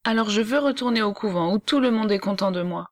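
A woman's voice: mid-range voice, fast, lightly acted. A woman reading the part of a sulky, spoiled young girl in an audiobook, with a whiny, petulant way of talking.

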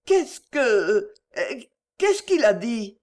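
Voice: medium pitch, animated, a little slow, voice pushed up, natural voice. A narrator voicing a timid young woman who panics easily and speaks in broken, breathless phrases, in an audiobook reading. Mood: panicked screaming.

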